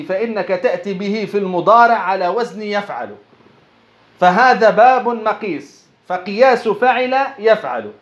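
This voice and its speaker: A man's voice: sits high, a bit bright. A male religious teacher explaining a grammar text line by line, posing rhetorical questions and repeating phrases as he goes. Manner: poses rhetorical questions then answers them. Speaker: Islamic studies teacher. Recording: dull lo-fi recording.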